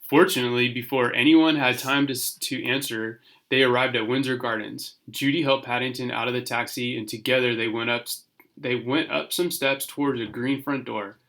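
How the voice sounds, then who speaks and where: A man's voice: mid-range voice, fairly even intonation, moderate pace, fairly bright tone. A man reading a children's story aloud, acting it out for young listeners and sometimes stumbling over words and rereading them. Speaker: storybook reader.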